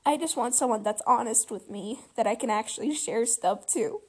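Halting, soft-spoken woman venting. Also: a little high, husky. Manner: halting, many fillers and restarts. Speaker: vlogger. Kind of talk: personal venting monologue.

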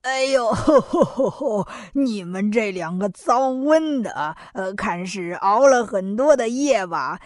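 A slow-talking, dim but good-natured pig-monk from a children's storybook, voiced by a woman. He speaks in a plain rustic way, a little high in pitch. The sound is dry and close. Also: expressive, dry recording. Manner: rustic folksy talk, calls himself 俺老猪. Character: clumsy greedy pig-monk, male, simple-minded.

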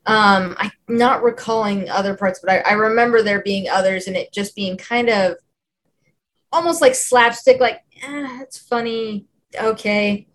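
A young adult woman co-hosting a podcast, chatting casually about films, animated and quick to laugh. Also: mid-range voice, a little hiss or hum. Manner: animated, laughs often, self-described film nerd. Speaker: podcast co-host. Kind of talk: casual film discussion.

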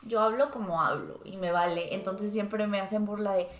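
A woman's voice: mid-range voice, fairly even intonation, moderate pace, roomy sound. A woman from Sonora with a northern Mexican accent, co-hosting a casual podcast and telling stories animatedly, mimicking other people's voices. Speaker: podcast co-host. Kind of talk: casual podcast chat and advice.

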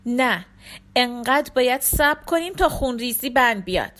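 A woman's voice: a little high, lively intonation, a bit bright, voice pushed up. A woman voicing a practical young woman giving urgent instructions while treating a wound, in an audiobook. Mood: instructing.

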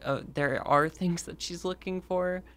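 A man's voice: sits high, steady tone, measured pace, a bit bright, clear, resonant tone. A man chatting casually as a tabletop player, thinking aloud in a hedging way. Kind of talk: casual tabletop game chat.

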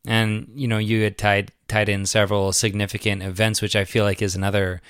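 Low-voiced enthusiastic male podcast host. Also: flat delivery, a little fast, fairly bright tone, clear, resonant tone, no room sound, studio quality. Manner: rambling, enthusiastic, laughs often. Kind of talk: casual conversational interview.

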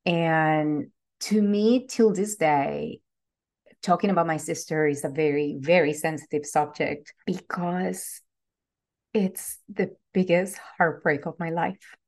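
A woman's voice: fairly low pitch, fairly even intonation, slow, creaky. A woman from Venezuela, hosting a podcast and telling her personal story in an earnest, heartfelt way. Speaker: podcast host.

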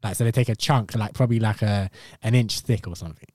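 A man's voice: fairly low pitch, fast, a little mellow, no room sound, clean studio sound. A British man with an urban southern English accent, hosting a podcast in casual, slangy, laid-back chat. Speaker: podcast host, music producer and MC.

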